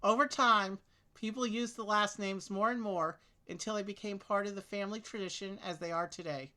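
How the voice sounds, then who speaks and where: A woman with a crisp, bright voice and mid-range pitch. She reads game clue texts aloud steadily, then chats casually with a co-player while they work out a solution. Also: moderate pace. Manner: steady, clear reading of clue text. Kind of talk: reading game text aloud and casual game chat.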